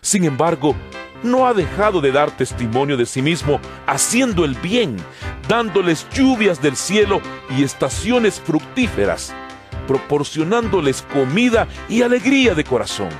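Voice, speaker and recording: An actor playing an impassioned, declamatory apostle in a dramatized Bible reading. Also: male voice, a little high, sing-song, a little slow, over music. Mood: urgent, pleading. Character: impassioned male apostle preaching to a pagan crowd.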